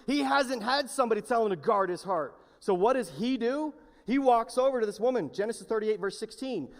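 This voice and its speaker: A male pastor preaching a sermon, swinging between hushed, slow lines and loud, yelled appeals. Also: extremely high pitch, animated. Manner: impassioned, shifts from hushed to yelling. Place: large church hall. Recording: long reverb of a church hall.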